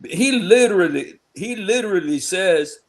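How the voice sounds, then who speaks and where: A man raised in the United States speaks as a guest in a casual online panel discussion, with a high-sitting voice and an unhurried pace. He's emphatic and excitable, frequently starting over and repeating words. The audio quality is poor.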